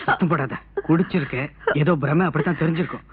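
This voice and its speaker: An actor playing a brusque, scheming young husband who dismisses others. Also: male voice, on the high side, fast talker, a little hiss or hum, lightly acted. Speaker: film actor. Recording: tinny lo-fi film soundtrack with music.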